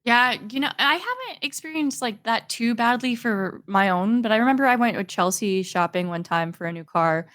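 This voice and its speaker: A young woman co-hosting a podcast chats casually, telling stories and laughing often. Her voice sits at a medium pitch, recorded dry with clean studio sound.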